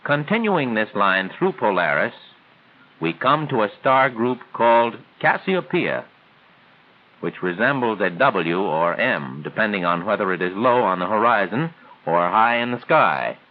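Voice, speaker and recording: Lowish and sing-song, this male narrator reads a scripted 1940s training film with formal, didactic, measured phrasing. The recording has phone-like quality, thin and band-limited like an old film soundtrack.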